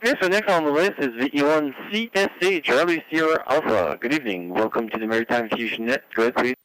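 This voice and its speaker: A man's voice: mid-range voice, animated, fast, fairly bright tone, no echo, rough recording. A courteous man acting as net control on an amateur radio check-in net, spelling callsigns phonetically over the radio. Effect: amateur radio transmission. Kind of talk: formal radio check-in procedure, friendly acknowledgements.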